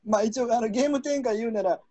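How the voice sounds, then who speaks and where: A man with a Kansai accent hosting a word game, explaining rules in a relaxed, chuckling way. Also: very high voice, fast, dry recording, dull audio. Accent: Kansai Japanese. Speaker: game host and referee. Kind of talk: casual game commentary.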